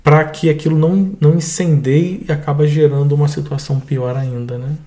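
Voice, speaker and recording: Mellow-voiced Brazilian man on faith. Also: on the high side, brisk. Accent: Brazilian Portuguese. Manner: calm, explanatory, adds to his co-host. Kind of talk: devotional teaching talk.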